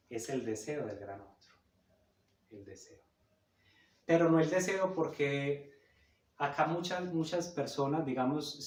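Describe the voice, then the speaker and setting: A male psychoanalysis lecturer with a medium-pitched, darkish voice gives an explanatory talk in an emphatic, didactic teaching tone, checking in with "cierto?". He sits back from the mic in a room with a roomy echo.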